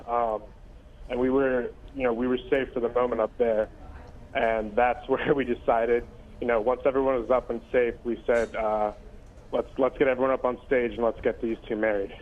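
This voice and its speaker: A man speaks over a narrow, tinny phone line as a news interviewee. He tells his story casually, with ums and restarts, at a mid pitch. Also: flat delivery, normal speed.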